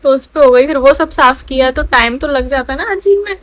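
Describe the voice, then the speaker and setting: High-voiced young mother chatting. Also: lively intonation, fairly quick. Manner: chatty, confiding, baby talk. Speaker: new mother vlogger. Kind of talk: casual home vlog chat. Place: home.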